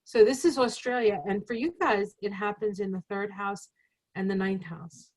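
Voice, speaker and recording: A woman's voice: medium pitch, normal speed, darkish tone, poor audio. A woman astrologer talking casually as a guest, rambling and chatty with many fillers. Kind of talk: casual conversation.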